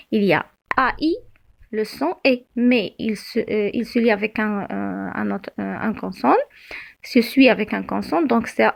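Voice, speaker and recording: A woman teacher, explaining spelling slowly, with frequent fillers and self-corrections. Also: on the high side, gravelly. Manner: slow, halting, many fillers and self-corrections. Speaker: French teacher. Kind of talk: spelling lesson.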